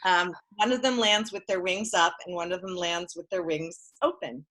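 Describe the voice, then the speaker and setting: A woman's voice: fairly low pitch, fairly even intonation, normal speed, fairly bright tone, rough recording. A middle-aged woman teaching preschool children online, chatting and leading songs in a cheerful sing-song way. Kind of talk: singing and teaching young children.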